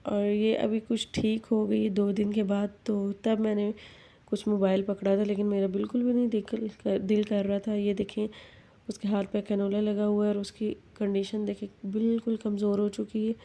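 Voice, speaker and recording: A young mother narrates her family vlog in an even, flat tone that barely rises or falls. She speaks calmly and without hurry, with a quiet note of worry, into a phone. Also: mid-range voice, vocal fry. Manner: calm, unhurried storytelling with mild worry.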